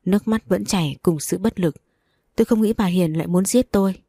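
A woman reading a story aloud in scripted narration, telling it in an even, plain way. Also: medium pitch, brisk, husky, no room sound.

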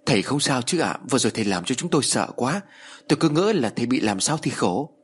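A man's voice: mid-range voice, sing-song, slightly rough. A man voicing a blunt older village woman. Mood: brisk. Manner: blunt, quick.

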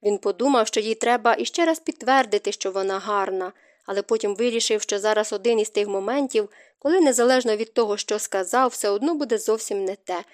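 A woman narrating an audiobook romance novel in an expressive, emotive reading. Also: medium pitch, fast talker.

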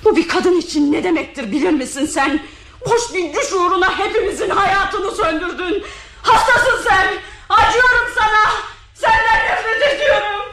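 An actress playing an anguished, unstable married woman in a broadcast radio drama, who lurches between scornful laughter, shouting and quiet confession. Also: sits high, vocal fry, reverberant, background noise.

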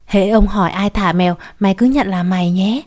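A woman's voice: medium pitch, a little fast, a little mellow, natural voice. A woman voicing a harsh, bossy mistress of the house who scolds her young servant. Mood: conspiratorial.

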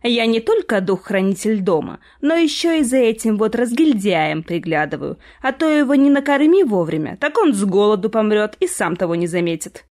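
A woman's voice: medium pitch, sing-song, normal speed, few pauses, a little mellow. A woman reading an audiobook, voicing a grumpy, sarcastic male house spirit that talks from the ceiling and bosses its master. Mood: teasing. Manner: cheeky, indignant, bossy.

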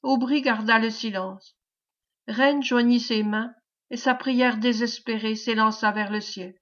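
A woman reading a novel aloud in an audiobook, narrating in a measured, dramatic way. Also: fairly high pitch, fairly even intonation. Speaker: audiobook reader. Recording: dull lo-fi recording.

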